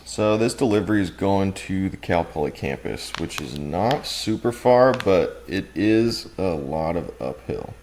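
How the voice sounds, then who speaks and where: A man's voice: sits low, animated, measured pace, hardly any pauses, darkish tone, slight background noise. A young man narrating his food delivery rounds in a chatty, casual vlog voice. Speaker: food delivery courier and vlogger.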